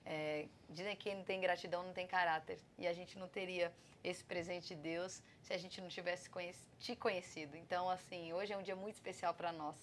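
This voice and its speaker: Brazilian woman thanking the host, heartfelt, lowish voice. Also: steady tone, a little fast, hardly any pauses, a little hiss or hum. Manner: warm, grateful, heartfelt. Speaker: guest.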